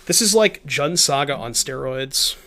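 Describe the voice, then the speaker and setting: Streaming a card game, a young man chats casually with his audience despite a stuffed-up voice that's a little shot. His medium-pitched, sharp-toned voice is expressive and measured in pace, and he reads chat, thinks aloud and restarts often in his commentary.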